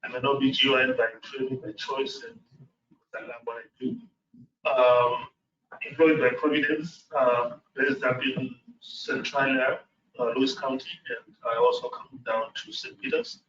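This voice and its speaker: A man's voice: medium pitch, measured pace, fairly bright tone, slight background noise. Man in his fifties, from Zimbabwe, introducing himself. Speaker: new commission member, physician. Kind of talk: self-introduction. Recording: echoey room, mic far off, dull sound.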